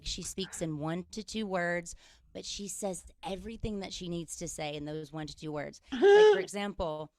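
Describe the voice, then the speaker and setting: A woman from Mississippi, US, appears as a guest comedian on a video call, telling self-deprecating comic stories in a stand-up style. Her voice is on the low side and a little mellow, with vocal fry. She's chatty and quick with asides.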